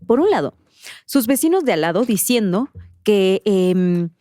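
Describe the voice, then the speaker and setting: A woman with a Mexican accent, a podcast host telling a story in a casual, slangy, animated way. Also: medium pitch, a little slow, dry recording, clean studio sound.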